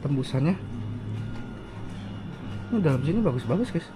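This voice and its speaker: A man's voice: medium pitch, big pitch swings, moderate pace, over music. A man vlogging on a walk through a narrow alley, his chatty voice echoing strongly off the walls as he talks to his viewers. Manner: chatty, keeps addressing viewers. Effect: strong echo off narrow alley walls. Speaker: food and street vlogger. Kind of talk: casual walking tour commentary.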